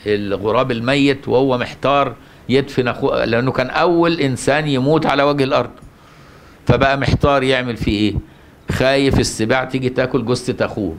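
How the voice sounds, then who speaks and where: Egyptian man teaching a Quran lesson. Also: medium pitch. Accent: Egyptian Arabic. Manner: asks the listener rhetorical questions and answers them. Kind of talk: religious lesson.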